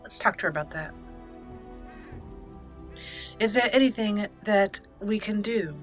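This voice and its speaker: Over game music, a female gaming channel host plays and comments casually, thinking aloud as she chats. She speaks at a measured pace in a mid-range voice.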